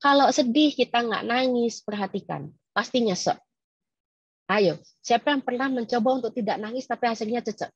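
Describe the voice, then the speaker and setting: A woman speaking in a casual, lively webinar talk to staff, teasing and quizzing her listeners. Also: fairly high pitch, normal speed, husky, no room sound, dull audio.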